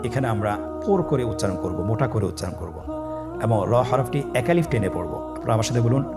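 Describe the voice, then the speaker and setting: A man teaching Arabic letters for Quran reading step by step, calm and patient, with a Bangladeshi accent, drawing out each letter sound for listeners to repeat. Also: lowish voice, fast. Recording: voice over background music.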